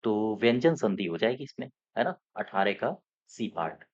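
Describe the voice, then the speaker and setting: A male exam coaching teacher with a fairly low voice goes through mock test answers. He repeats the key points and keeps checking that his students are following. The sound is muffled and lo-fi. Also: sing-song, normal speed.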